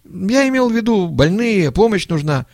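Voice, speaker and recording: A man voicing a brisk, insistent male sanitary inspector in a storybook reading. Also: sits high, big pitch swings, darkish tone, dry recording, studio quality, pitched above the performer's own voice.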